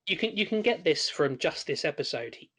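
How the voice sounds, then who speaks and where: A man co-hosting a horror podcast in casual chat, talking hesitantly with pauses and restarts. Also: fairly high pitch, very animated, a bit bright. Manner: hesitant, many fillers and restarts. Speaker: podcast co-host.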